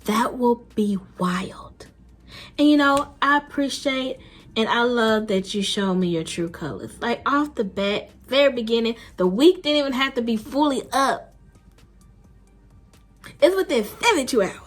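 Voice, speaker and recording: A woman's voice: on the high side, expressive, normal speed. A woman vlogger recounts a dating story in a casual, unscripted monologue. She is blunt and emphatic, with a slangy, conversational delivery. Faint music plays in the background.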